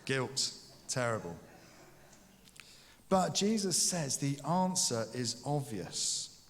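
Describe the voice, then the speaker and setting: A man preaches a sermon, keeping it conversational and jokey. His mid-pitched voice carries a long reverb from the church around him. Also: very animated, takes it slowly. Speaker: pastor.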